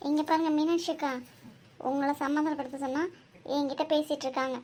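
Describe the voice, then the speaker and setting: A cheeky young girl, voiced by a woman, chatters in a high voice. She is teasing and talkative. It is a cartoon role. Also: steady tone, a little fast, darkish tone, slight background noise.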